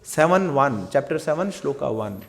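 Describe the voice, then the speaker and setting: A middle-aged man from India teaching a scripture class in Hindi. He chants verses slowly and tells stories with lively acted-out voices for the people in them. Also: a little high, vocal fry. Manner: animated storytelling, acts out quoted characters. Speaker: Gita teacher.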